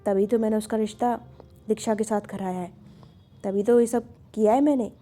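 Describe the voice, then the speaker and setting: A woman's voice: medium pitch, steady tone, moderate pace, warm tone, soft background music, natural voice. A woman voicing an affectionate, scheming old grandmother who talks in a coaxing, teasing, stubborn way, in a storybook reading. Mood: sly.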